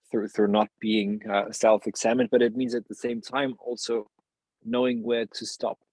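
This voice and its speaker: Husky, halting male philosopher guest. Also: lowish voice, flat delivery, darkish tone, no room sound, rough recording. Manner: searching, halting phrasing with many restarts and laughs. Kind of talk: reflective interview conversation.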